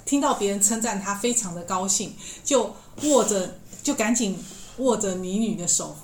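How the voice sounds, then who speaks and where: Animated woman retelling an old tale. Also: mid-range voice, moderate pace. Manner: animated, with many fillers and quoted dialogue. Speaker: podcast host. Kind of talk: lively retelling of a classic tale. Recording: echoey room with faint hiss.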